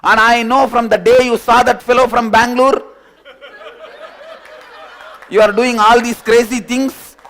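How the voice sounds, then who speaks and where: A man putting on a shrill nagging girlfriend. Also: level tone, a bit bright, exaggerated voice. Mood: shrill scolding. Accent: Indian English. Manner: shrill rapid scolding, repeating questions. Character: nagging young woman, angry girlfriend on phone.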